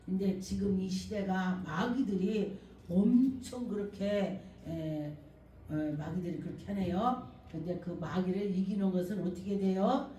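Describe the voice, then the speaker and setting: A middle-aged woman pastor telling stories in a sermon, animated, acting out the voices of the people she quotes. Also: measured pace, slight background noise. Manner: animated, acts out quoted voices in a shifting pitch. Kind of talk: storytelling sermon. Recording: echoey room, voice a bit far from the mic, faint ambience.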